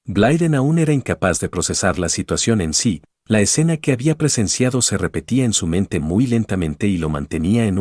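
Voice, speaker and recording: Male storyteller, deep voice, dramatic measured fantasy narration over quiet music. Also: slightly rough, no room sound, clean studio sound.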